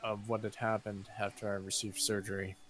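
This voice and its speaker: A man playing a gruff, evasive mercenary. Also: on the low side, level tone, brisk, a bit bright. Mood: curt.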